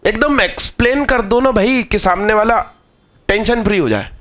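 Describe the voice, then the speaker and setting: A man's voice: sits high, moderate pace, fairly bright tone. A male math teacher giving a live exam-prep lecture, explaining step by step and scolding students into understanding.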